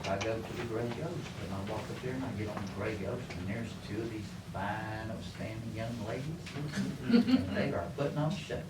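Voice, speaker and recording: A man spins easygoing tales for a gathered audience, chuckling as he slips into other people's voices. He sits well back from the mic in an echoey hall. Loud room ambience fills the space around him. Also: fairly low pitch, normal speed, distant mic, heavy background noise. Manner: folksy, chuckling, quotes others in bits of dialogue. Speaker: storyteller at a krewe gathering. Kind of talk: casual anecdote telling to a live group.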